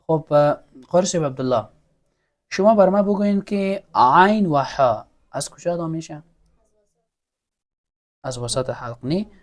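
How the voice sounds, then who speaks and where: A man's voice: fairly high pitch, animated, long pauses. A man teaching Quran recitation, patiently drilling letter sounds for students to repeat and praising them. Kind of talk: classroom lesson, call-and-repeat drills.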